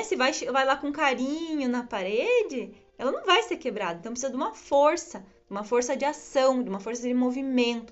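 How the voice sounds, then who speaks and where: A woman giving an earnest, reflective spiritual talk, often repeating phrases and ending thoughts with tag questions. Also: fairly high pitch. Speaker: spiritual teacher. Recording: slightly dull lo-fi sound.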